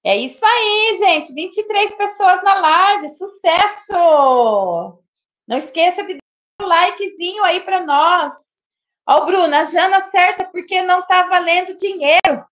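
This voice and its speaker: Very high-voiced, exclamatory woman host. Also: lively intonation, unhurried, fairly bright tone. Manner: exclamatory, laughs often, greets viewers by name. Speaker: live stream host. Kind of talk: casual live-stream chat.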